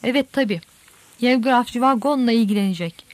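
A woman reading an audiobook aloud and voicing a grown man who calmly reflects on history. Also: on the high side, fairly quick, close to an everyday voice. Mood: reflective.

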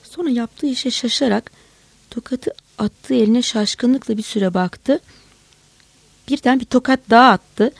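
A woman reading a story aloud at an unhurried pace, pausing now and then to correct herself. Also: on the high side, creaky, slightly rough, dry recording.

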